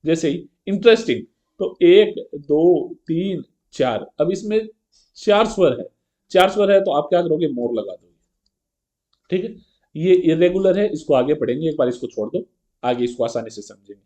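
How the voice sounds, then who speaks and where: A male grammar teacher teaches an exam-prep lesson step by step, often checking in with a quick rhetorical question and reading example sentences slowly. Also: on the high side, animated, darkish tone. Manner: reads English example sentences slowly and carefully.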